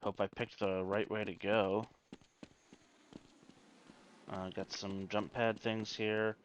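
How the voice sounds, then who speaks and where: A man's voice: fairly low pitch, flat delivery, takes it slowly, slight background noise. A man giving casual gameplay commentary, thinking aloud in a hesitant way. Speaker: gamer.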